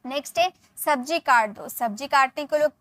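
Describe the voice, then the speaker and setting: Female English tutor for a video lesson, high voice, repeats key points, dry studio sound. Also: sharp tone, dry recording. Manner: explains in Hindi, slows down for English example sentences; repeats points, often adds "ठीक है" and "okay". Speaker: English teacher.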